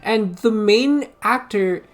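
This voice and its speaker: A woman's voice: on the high side, takes it slowly. Giggly, rambling woman streamer. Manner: giggly, rambling, swears casually. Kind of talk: casual gaming commentary.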